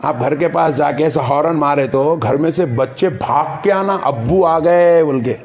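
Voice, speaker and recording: Animated high-voiced male preacher. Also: normal speed. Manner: animated, playful, mimics family members for the crowd. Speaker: Islamic preacher. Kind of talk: sermon.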